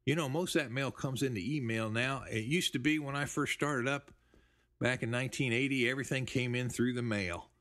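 A man hosting a genealogy show, chatting casually as he reads through listener emails, with relaxed, rambling speech. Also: mid-range voice, fairly quick. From United States. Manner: relaxed, rambling, with fillers and restarts. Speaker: podcast host. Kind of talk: casual talk reading listener mail.

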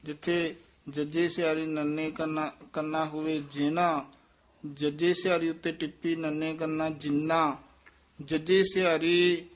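Slow, patient man teaching scripture recitation. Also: a little high, level tone. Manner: patient, methodical, explains pauses and spelling. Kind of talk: correcting pronunciation of scripture reading.

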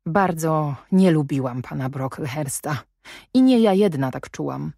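A woman reading an audiobook, voicing a reserved, proud young governess who answers in a plain, quietly firm way. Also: sits low, animated, unhurried, vocal fry, no room sound, clean studio sound, heavily acted. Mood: earnest. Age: young adult.

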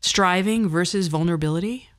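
This woman, a podcast host in her fifties, has a lowish voice and talks a little fast. She tells personal stories candidly and conversationally, with a wry, self-deprecating humor.

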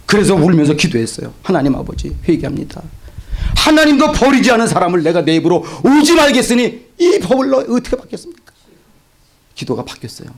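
A man preaching a revival sermon as pastor, swinging between loud exclamations and hushed asides. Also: sits high, big pitch swings, a little fast, creaky. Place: church sanctuary.

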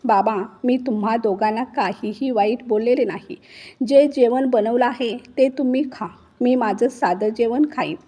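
A woman's voice: a little high, normal speed, warm tone, natural voice. A woman voicing a weary young daughter-in-law who speaks politely and holds back in a storybook reading. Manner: polite, restrained.

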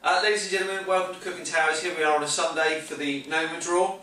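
A man's voice: fairly high pitch, fairly even intonation, quick pace, sharp tone. A man, hosting a prize draw in a casual, upbeat way and calling out numbers and names. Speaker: website host running a prize draw. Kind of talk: casual announcing. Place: small office, indoors. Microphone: far camera. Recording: echoey office from far off with music. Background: pop music playing.

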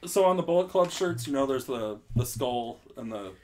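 Brief: young male podcast host, lively up-and-down delivery, laughs a lot, faint background noise. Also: medium pitch, moderate pace. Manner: laughs often, filler-heavy. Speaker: podcast host running a quiz game. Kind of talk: casual chat.

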